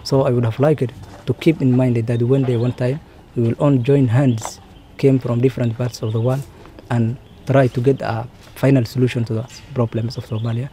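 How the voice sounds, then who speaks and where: Dark, flat-voiced man hedging calmly. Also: mid-range voice, slight background noise. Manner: measured, hedging with "maybe". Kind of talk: interview answers.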